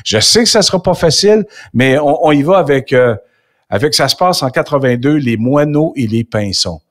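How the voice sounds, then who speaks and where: Lively older Québécois man telling a story. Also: a little high, normal speed. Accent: Québécois French. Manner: animated anecdote-telling with quoted dialogue. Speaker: interview host. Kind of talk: casual storytelling interview.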